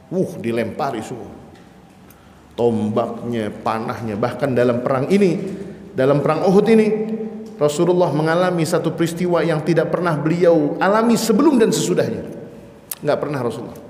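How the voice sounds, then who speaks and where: A male preacher giving an Islamic study lecture, telling the story with animation and acting out shouted quotes. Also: a little high, normal speed. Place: mosque hall. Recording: echoey mosque hall.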